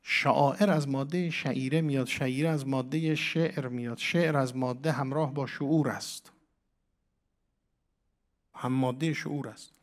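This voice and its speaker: A man's voice: mid-range voice, steady tone. A man giving a religious lecture on scripture as a Quran teacher. He explains step by step, repeats key words for emphasis and asks his listeners questions.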